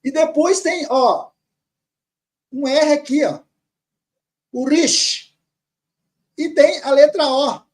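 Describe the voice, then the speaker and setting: A man teaching grammar, reading words slowly from a text and repeating them patiently. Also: extremely high pitch. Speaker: teacher of Syriac Aramaic.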